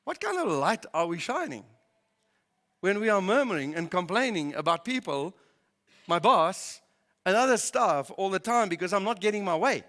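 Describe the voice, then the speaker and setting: A man preaching a sermon as pastor, in a lively conversational way with many fillers. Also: high voice, normal speed. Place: barn church hall. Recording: reverberant church hall.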